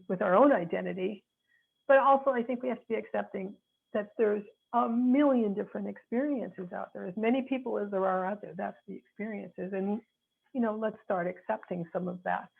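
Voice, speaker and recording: Her mid-range voice is creaky with a breathy edge, coming through a tinny phone-style line. A North Chicago attorney in her sixties, she gives earnest, frank, reflective advice while hunting for the right words.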